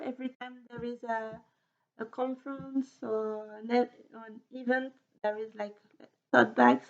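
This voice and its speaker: A woman's voice: fairly high pitch, gravelly. A woman with a French accent, a native French speaker, chatting casually about her knitting projects and often repeating words as she searches for them. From France. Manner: halting, repeats words, soft laughs. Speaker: knitting podcaster. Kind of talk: casual chat. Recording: dull lo-fi sound.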